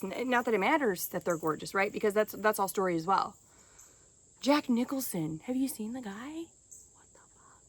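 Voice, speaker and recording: A woman's voice: medium pitch, no echo. A woman speaking earnestly to camera in a casual motivational vlog, conversational and often breaking into short laughs. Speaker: self-help vlogger.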